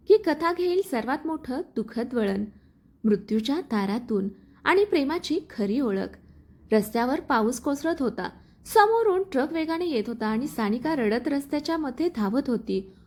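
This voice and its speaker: A woman narrating a dramatic storybook love story in an expressive way. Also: high-pitched.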